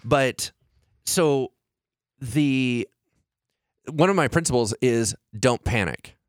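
A man talking in a casual podcast conversation, animated, often acting out the voices he quotes. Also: mid-range voice, slow, clear, resonant tone, no echo, studio quality. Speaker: co-host.

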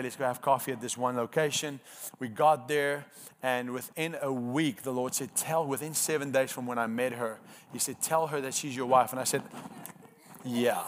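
A man in his thirties with a medium-pitched, slightly bright voice delivers a sermon testimony. Afrikaans is his first language and he speaks with an Afrikaans accent, telling his personal story in an earnest, emphatic way.

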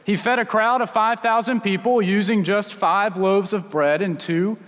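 High-voiced male pastor in reverberant sanctuary. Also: steady tone, normal speed, a bit bright. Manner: storytelling, conversational with many restarts. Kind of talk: sermon.

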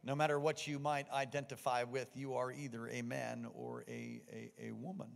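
A man's voice: mid-range voice, animated, moderate pace, gravelly. An American man preaching a sermon to a congregation. He reads scripture, prays, and repeats key words back as questions to the crowd. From United States. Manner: emphatic preaching, repeats lines and quizzes the congregation. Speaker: pastor. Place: church sanctuary. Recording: reverberant church hall.

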